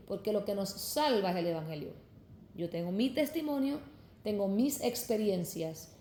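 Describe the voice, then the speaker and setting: Cuban-born young woman, fervent preacher's testimony, mellow voice in an echoey room. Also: medium pitch. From Cuba. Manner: fervent, addresses listeners as brothers.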